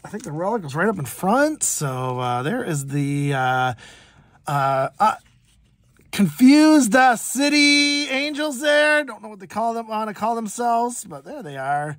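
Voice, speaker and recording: A man's voice: high-pitched, very animated, measured pace, a bit bright, dry recording. A man casually talking through a pack opening as channel host, chatty and rambling with lots of fillers. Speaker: card collector and channel host. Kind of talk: casual card-opening commentary.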